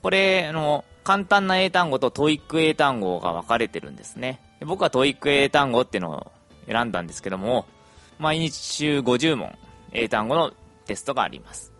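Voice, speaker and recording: A man's voice: mid-range voice, a little fast, faint music behind. A young adult man chatting through a casual podcast monologue, with plenty of fillers. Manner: chatty, lively intonation, many fillers.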